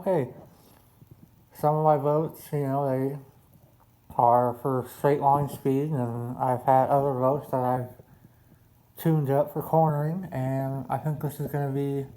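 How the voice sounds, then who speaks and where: Man with slurred, swollen-tongue speech, mellow tone. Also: mid-range voice, low-quality recording. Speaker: RC boat hobbyist showing a build. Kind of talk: casual hobby vlog talk.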